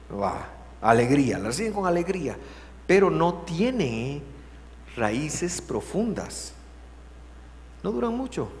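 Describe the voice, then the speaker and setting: A Guatemalan pastor preaching with a lively, swinging voice that sits a little high for a man. He moves between loud emphasis and hushed, drawn-out words. The sound carries a long church-hall reverb over a faint hum. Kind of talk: sermon. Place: church sanctuary.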